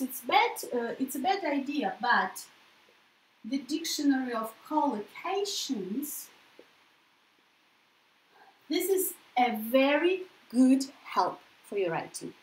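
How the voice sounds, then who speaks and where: The speaker is a Russian-born woman with a Russian accent whose voice sits high as she gives a casual, talkative English lesson. Tag questions like "yeah?" punctuate her explanations, and the low-quality recording echoes around the room.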